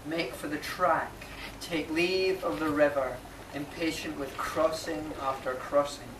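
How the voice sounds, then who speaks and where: Here a poet recites his own work at a live marquee reading, speaking very slowly and breaking his lines into short phrases separated by pauses. His voice is fairly high with a steady tone. Captured by a camera mic several metres away, the sound is roomy, distant and noisy with clear background noise.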